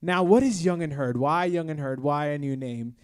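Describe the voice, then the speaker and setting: A man's voice: a little high, normal speed, smooth. Chatty young male podcast host. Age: 20s. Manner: upbeat, chatty, uses filler "like". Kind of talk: casual chat.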